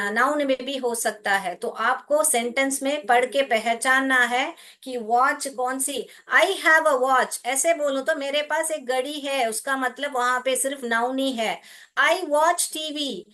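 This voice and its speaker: Casting: young Indian woman teacher, high voice, patient and unhurried with her pupils. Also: a bit bright. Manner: patient, explains slowly, mixes Hindi and English, calls pupils "beta". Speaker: English teacher. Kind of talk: live online class explanation.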